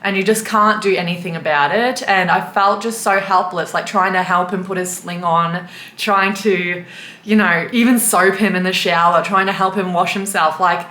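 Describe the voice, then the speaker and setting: A woman's voice: lowish voice, fairly even intonation, normal speed, bright, forceful tone. A young Australian woman chatting candidly while doing her makeup, getting emotional at times. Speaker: beauty vlogger. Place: indoor room with a mirror. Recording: echoey room.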